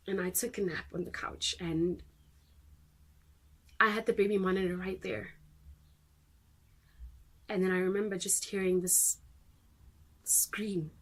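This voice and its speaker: A young mother recounts her story in a dramatic monologue, voiced by a woman. Her voice is breathy and sits at a middle pitch. She speaks haltingly, breaking off and restarting her sentences. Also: lightly acted. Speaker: monologue actor.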